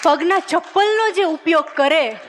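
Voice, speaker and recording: Woman comic, bright high voice, chatty joke-telling, reverberant hall. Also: measured pace, a faint crowd, a little hiss or hum. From Gujarat, India. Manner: chatty storyteller acting out dialogue. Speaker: comedian.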